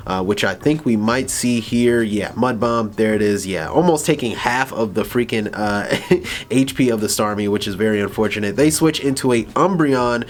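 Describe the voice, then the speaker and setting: A man's voice: fairly low pitch, normal speed. A young man giving casual, rambling commentary over a video game battle, laughing and stumbling over his words now and then. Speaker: gaming YouTuber.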